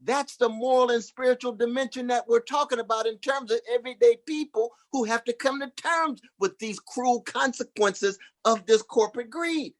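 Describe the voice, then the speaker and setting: A man's voice: very high voice, normal speed, few pauses. A man giving impassioned political commentary in a preacher-like way, calling others "Brother" and "Sister". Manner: rhetorical, uses religious address like "Brother" and "Sister".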